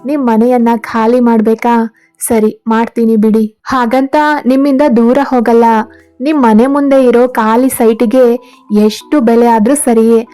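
A woman's voice: on the high side, mellow, lightly acted. A woman voicing a devoted young man who earnestly pleads his love, in a read-aloud story. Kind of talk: storybook narration.

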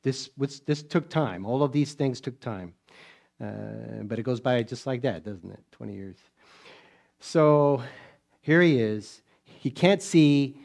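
A man's voice: medium pitch, expressive, slow pace, creaky, a little mellow. Male preacher, folksy sermon storyteller who acts out the scenes. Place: church.

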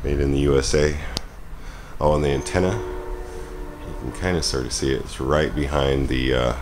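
Against a noisy background, a man with a rumbling low voice and fairly even intonation walks viewers through his homemade trailer at a moderate pace. Filming handheld, he rambles casually with many ums and uhs, first outdoors in a parking lot and then inside the small trailer.

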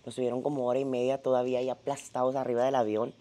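Outdoors at a tropical resort, a woman fitness vlogger walks, chats, and laughs while telling a travel story casually on a lapel mic. Her voice is warm and extremely low, with little pitch movement, and she talks at a racing pace.

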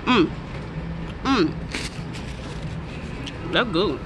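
A woman's voice: mid-range voice, lively intonation, extremely slow, noisy background. A woman vlogging casually on her phone, chatty and playful, calling her viewers baby and child. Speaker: travel vlogger. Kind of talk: casual vlog chat.

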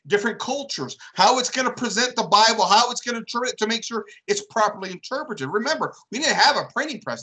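A man co-hosts a casual discussion on church history. His voice is bright and forceful. He works through his points aloud and often checks in with "right?". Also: sits high, poor audio. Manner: thoughtful, builds questions with repeated "right?". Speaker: co-host.

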